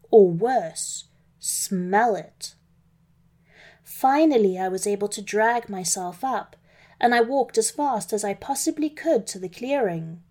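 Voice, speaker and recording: Slow gentle woman reading a children's story. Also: on the high side.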